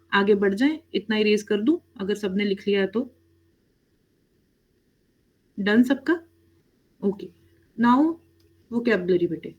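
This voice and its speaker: The audio is dull, and the woman speaking has a fairly high voice with a darkish tone. She runs an online Korean language class, slips English words in, and keeps confirming her students are following, addressing them as "beta" with frequent "theek hai?" checks.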